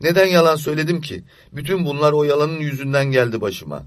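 A man's voice: fairly high pitch, animated, fast, no room sound, clean studio sound, pitched above the performer's own voice, lightly acted. A man reading an audiobook story, voicing a frightened young boy who lies awake at night in a breathless, panicky inner monologue. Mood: panicked.

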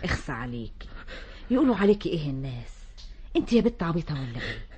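An actress playing a kindly wealthy Egyptian village lady who chides the girl warmly but firmly, in a 1960s radio drama. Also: sits low, sing-song, fast talker, slight background noise. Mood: gently chiding. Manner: warm but firm.

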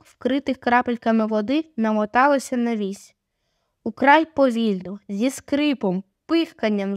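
A woman reading a children's adventure audiobook, voicing the children's shouts herself, with occasional stumbles. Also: on the high side, dry recording, clean studio sound. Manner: reads steadily, raising her voice for the children's shouted lines. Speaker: audiobook reader. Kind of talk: audiobook narration with voiced dialogue.

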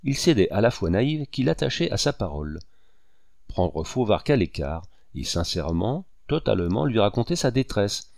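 A man narrating a novel in a measured, expressive literary reading. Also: lowish voice, vocal fry, no room sound, clean studio sound. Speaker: audiobook narrator.

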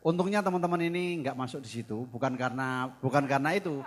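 A man's voice: medium pitch, fast. A man moderating a discussion, chatty and joking with the audience. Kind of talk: casual moderating talk.

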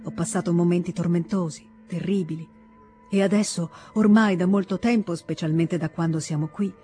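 Tender young noblewoman voiced by a woman reader, earnest, confiding, mellow voice, faint music behind. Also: lowish voice, fairly even intonation, normal speed, natural voice. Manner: earnest, confiding, gently pleading. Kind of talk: audiobook character voice.

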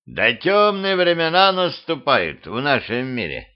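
A man's voice: fairly high pitch, wildly swooping pitch, pitched above the performer's own voice. A man doing a groaning old cart driver. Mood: lamenting. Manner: groaning, drawn-out. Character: old village cart driver, grumbling and gossipy. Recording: dull lo-fi home recording.

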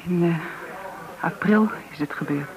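In a naturalistic radio play, an actress voices a composed, apologetic widow who sounds young and is greeting an old friend; she speaks slowly, with restraint and some hesitation. Her fairly low voice carries a sorrowful, held-back mood. The recording is dull, with a crowd bustling in the background.

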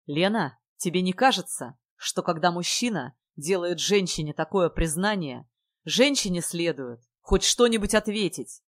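A woman's voice: lowish voice, lively intonation, unhurried, no room sound, studio quality. A woman voicing a hesitant, irritable young male student in love. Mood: strained. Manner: hesitant, faltering.

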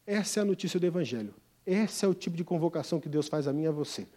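A middle-aged man, a pastor and missionary, preaching a sermon as an emphatic storyteller, swinging from loud to hushed. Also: on the high side, animated, rapid-fire.

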